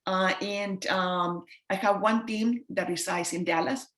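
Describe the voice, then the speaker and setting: Woman, Chilean Spanish accent, fifties, measured talk, many fillers, video call, roomy echo. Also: medium pitch, steady tone, a bit bright. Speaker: technology executive. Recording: roomy echoey sound.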